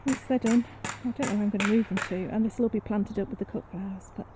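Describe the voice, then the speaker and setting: A British gardening vlogger gives a casual, rambling tour of her allotment garden and greenhouse, chatty and self-deprecating. Her voice is medium-pitched, steady, and quick. It's captured on a handheld camera's built-in mic, so the outdoor audio is noisy.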